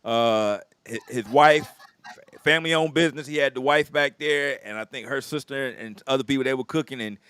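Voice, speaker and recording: A man's voice: medium pitch, normal speed, a bit bright, smooth. A man hosting a casual chat in an easygoing way, often affirming his guests. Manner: easygoing, affirming with frequent yeahs. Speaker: host.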